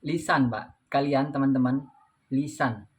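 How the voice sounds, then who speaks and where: A male preacher gives a homely, conversational religious talk with a light touch. He tells a story in short phrases and tags nearly every one with a friendly "Lur". His voice sits at an ordinary pitch for a man. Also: a little slow. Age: adult father. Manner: folksy, addresses listeners as "Lur" after nearly every phrase.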